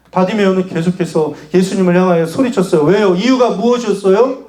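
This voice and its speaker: A male pastor telling a children's sermon in an animated storytelling manner, asking the children questions. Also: sits high, roomy sound.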